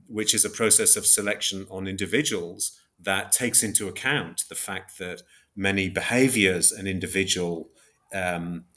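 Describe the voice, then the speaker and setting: A deep-voiced man with a sharp tone, appearing as an interview guest, explains his ideas in a careful, exact academic style. He repeats and rephrases as he works things through.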